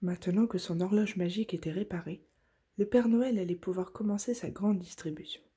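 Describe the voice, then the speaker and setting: A woman reading a children's story aloud in a soft, gentle voice, at times nearly whispering. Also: mid-range voice. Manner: soft, gentle and breathy, slow at tender moments.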